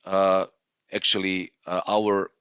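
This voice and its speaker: A man's voice: deep voice, level tone, slow pace, pushed and bright, smooth, no room sound, highs cut off. Hesitant man teaching Vedic chanting. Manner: hesitant, many fillers, explains patiently. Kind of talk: online lesson on Vedic chanting.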